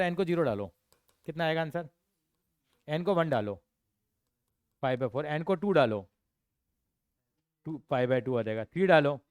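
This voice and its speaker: Man, tutor, explaining step by step, smooth voice, dry close sound. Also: a little high, no room sound. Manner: explains step by step with quick questions to students. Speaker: accounts and maths tutor. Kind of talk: classroom teaching.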